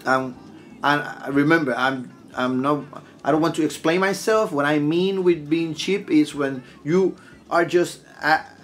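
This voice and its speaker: A man's voice: fairly high pitch, measured pace, a little hiss or hum. Blunt Puerto Rican man rambling on a podcast. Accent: Puerto Rican Spanish. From Puerto Rico. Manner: rambling, frequent restarts, blunt asides. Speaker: podcast host. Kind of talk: casual podcast monologue.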